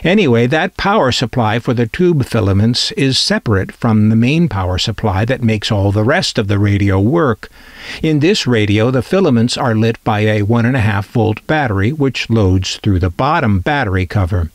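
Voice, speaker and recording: Speaking at normal speed with a fairly low, animated voice, the presenter of a vintage radio collecting channel shows off a collector's item. The narration is scripted yet informal, wry and dry in its humor, with no room sound on the recording.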